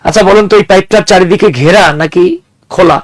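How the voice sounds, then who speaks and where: High-voiced man teaching a class. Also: quick pace, dry recording, low-quality recording. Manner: explains with everyday examples, asks the class questions. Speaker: English teacher. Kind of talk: classroom lecture.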